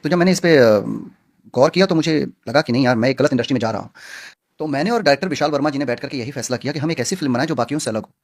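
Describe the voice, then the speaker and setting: A man's voice: medium pitch, rapid-fire. A man answering interview questions as a film actor, speaking earnestly and outspokenly with emphatic stresses.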